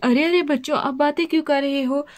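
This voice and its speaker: A woman's voice: high voice, fairly even intonation, fairly quick, natural voice. A woman voicing a strict female schoolteacher doll in a doll play story, bossy and hurrying the class along. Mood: stern.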